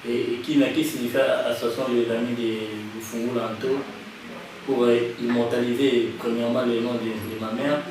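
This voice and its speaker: Young man, Congolese French accent, halting speech full of restarts, heard from afar in a very echoey room. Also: mid-range voice, flat delivery. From Kinshasa, Congo. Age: young adult. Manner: hesitant, many restarts and fillers, mixes in Lingala. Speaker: guest, association president. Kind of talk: interview answers. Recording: very echoey room, far from the mic, light noise.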